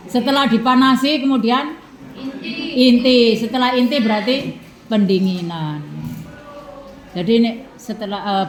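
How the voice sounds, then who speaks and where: A woman teacher, taking a class through questions and answers, ending many phrases with a checking "ya" and repeating answers slowly for students to write down. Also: fairly high pitch. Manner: tags nearly every phrase with a questioning "ya". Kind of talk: classroom lesson. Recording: echoey classroom with students behind.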